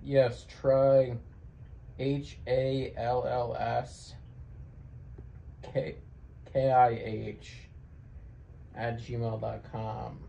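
A man making a casual, deadpan complaint as a prank caller, rambling in a gravelly voice. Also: mid-range voice, extremely slow, pauses often, lo-fi sound. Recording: faintly noisy phone-camera recording.

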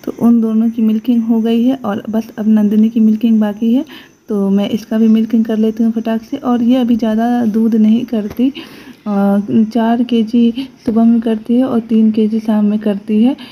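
A woman's voice: fairly high pitch, level tone, normal speed, slightly rough, highs cut off. A young woman vlogger talking casually to her viewers, earnestly explaining and defending her ways. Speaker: village vlogger. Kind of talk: casual voice-over vlog.

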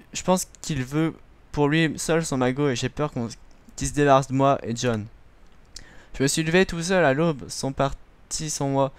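A man's voice: mid-range voice, natural voice. A man doing a grumbling pirate sailor. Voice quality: put-on rough sailor's voice, raised and gruff. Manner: reads a logbook in old slang, grumbling. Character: old male pirate sailor writing a ship's log, fearful and rough. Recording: music playing behind.

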